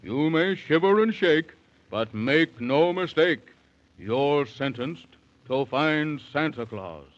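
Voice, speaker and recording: A man voicing a stern, blustering old king passing judgment, with pompous, drawn-out pronouncements, in a children's radio story. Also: a little high, animated. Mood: stern, condemning. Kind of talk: 1930s children's radio serial acting. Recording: dull, muffled 1930s radio recording.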